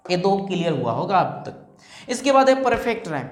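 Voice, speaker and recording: A woman teaching English rhyme types in Hindi mixed with English terms. She asks a question herself and then answers it, and she repeats example words slowly to show the stress. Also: on the low side, sing-song, a little mellow. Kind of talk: classroom-style lesson explaining rhyme types. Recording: echoey room.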